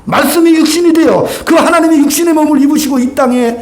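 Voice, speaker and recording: A man's voice: very high-pitched, fast talker. A male pastor preaching a sermon, acting out dialogue and asking the congregation questions. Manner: animated, acts out dialogue, asks the congregation questions. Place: church sanctuary.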